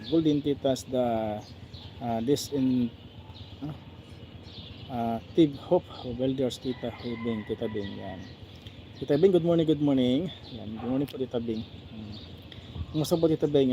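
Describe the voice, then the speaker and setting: A man's voice: medium pitch, moderate pace, mellow, a little hiss or hum. A man with a Filipino accent hosting a casual live stream, reading viewer names and comments aloud with many fillers. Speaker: vlogger reading live chat.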